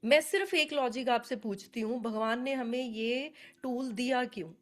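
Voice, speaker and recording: Woman, astrology teacher on a webinar call, earnest and chatty, slightly high voice. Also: moderate pace. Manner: chatty, earnest, addresses attendees by name. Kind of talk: live online webinar teaching. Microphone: video call.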